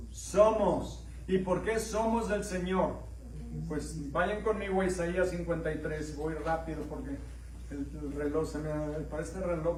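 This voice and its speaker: A middle-aged Mexican man with a slightly mixed Mexican accent is preaching as pastor in an echoey church sanctuary, his voice a little high and a little mellow. He was recorded from a distance, with slight background noise. His conversational sermon mixes stories, questions for the congregation, and dialogue acted out in raised voices.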